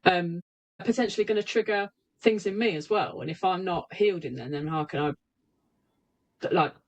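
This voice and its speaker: A woman with a fairly low voice talks at normal speed as a hypnotisttherapist guest on a remote podcast, heard through a rough remote call recording. Her reflective interview talk is candid and self-correcting, with frequent restarts of her sentences.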